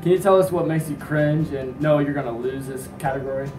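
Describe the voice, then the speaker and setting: A young man with a slightly high voice asks casual interview questions. The sound is roomy and a little distant, with music clearly underneath. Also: fairly even intonation, a little fast. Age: teen or young adult. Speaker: student interviewer. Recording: echoey, distant mic, music over it.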